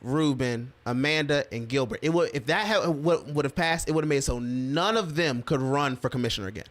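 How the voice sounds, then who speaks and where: A man co-hosting a casual podcast about local politics, talking in an emphatic, animated way and laughing often. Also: mid-range voice, brisk. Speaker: podcast co-host.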